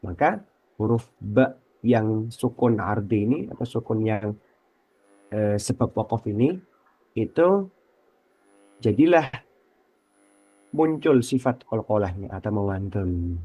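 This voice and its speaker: A man with an Indonesian accent teaching Quran recitation on a radio program, explaining patiently and repeating letter sounds slowly as examples. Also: fairly low pitch, lively intonation, dark tone, no echo. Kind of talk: radio tajwid lesson. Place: radio studio.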